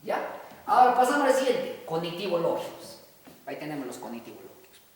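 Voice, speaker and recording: A man's voice: fairly high pitch, huge pitch swings, fast talker, a little hiss or hum. A man teaching a math lesson, repeating key points and constantly checking that the students understand. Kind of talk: classroom lesson. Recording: echoey hall from far off.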